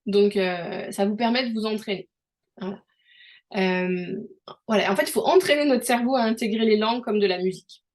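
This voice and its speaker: A woman's voice: mid-range voice, moderate pace, darkish tone. A young French woman co-hosting a podcast, giving casual advice in a chatty way with many fillers and restarts. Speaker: podcast co-host.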